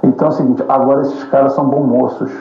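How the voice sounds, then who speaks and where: A man's voice: mid-range voice, level tone, fast talker. Profane, combative man on a roomy recording. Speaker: political commentator. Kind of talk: casual political monologue. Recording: roomy, dull lo-fi, faint music.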